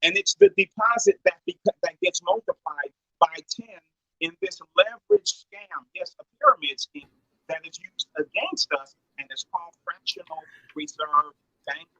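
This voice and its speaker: A man's voice: high voice, wildly swooping pitch, moderate pace, bright, forceful tone, no echo. A man giving a teaching talk over a weak online call, his voice breaking up and cutting in and out, preachy, putting rhetorical questions to his listeners. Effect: voice cutting in and out over a weak online connection. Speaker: guest speaker explaining finance. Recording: dull lo-fi call audio that keeps breaking up.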